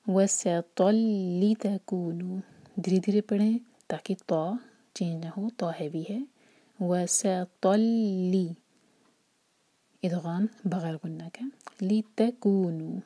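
A woman teaching recitation step by step, often half-whispering her explanations and drawing out each recited word slowly. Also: fairly low pitch, slightly rough, no echo. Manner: soft, often whispered explanations between slow drawn-out recited words.

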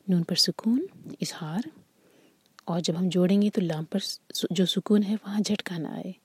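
A woman teaching tajweed, reciting words slowly and drawn out, then explaining the rules in a soft, often whispery voice. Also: lowish voice, husky, dry recording. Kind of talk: tajweed lesson, slow demonstrations then explanation.

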